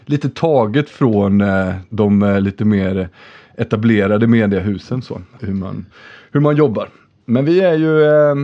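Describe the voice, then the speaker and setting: Man, podcast host, chatty and joking, mid-pitched, slightly dull recording. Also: darkish tone. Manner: chatty, joking, swears casually. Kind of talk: casual podcast chat.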